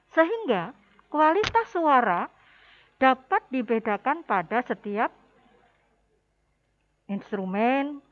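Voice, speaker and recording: Slow, high-voiced woman music teacher. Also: muffled recording. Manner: patient, explaining and addressing pupils. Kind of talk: recorded classroom lesson.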